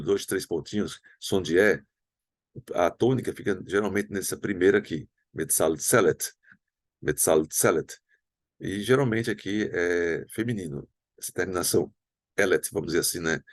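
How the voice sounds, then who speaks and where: A man with a Brazilian Portuguese accent teaching a recorded Hebrew lesson, patiently explaining and slowly sounding out words. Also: sits low, no echo, studio quality. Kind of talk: recorded online language lesson.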